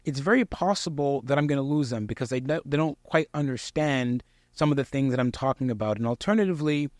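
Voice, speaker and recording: A man giving instructional tips straight to the listener in a clear, projected presenter's delivery, conversational yet emphatic and encouraging. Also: medium pitch, quick pace, a little mellow, no room sound, studio quality. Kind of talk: conversational instructional talk to camera.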